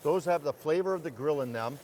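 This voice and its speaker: A man's voice: on the high side, brisk, darkish tone, slight background noise. A man from Wisconsin hosting a cooking show in a big indoor station hall, chatty and eager, often stumbling over repeated words.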